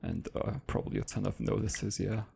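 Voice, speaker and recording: A man's voice: lowish voice, steady tone, brisk, vocal fry, dark tone, a little hiss or hum. A man casually thinking aloud while playing a game and reading its text out as he goes. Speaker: gaming let's-play host.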